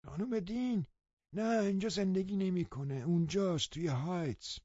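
A man voicing a flustered, fussy old woman housekeeper in an audiobook, speaking high, startled and apologetic. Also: darkish tone, no echo. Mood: puzzled. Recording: dull lo-fi recording.

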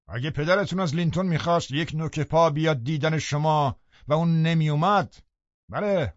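A man's voice: lowish voice, no echo. A man plays a scheming, brooding landowner in an audiobook. The voice stays menacing and heavy. The recording is dry and slightly dull. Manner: menacing, then loudly pleading. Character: scheming brooding middle-aged male landowner.

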